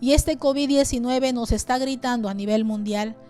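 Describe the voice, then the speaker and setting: A woman's voice: fairly high pitch, normal speed, mellow, soft background music. A woman pastor, preaching an earnest sermon and reading scripture aloud with rising force. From Peru.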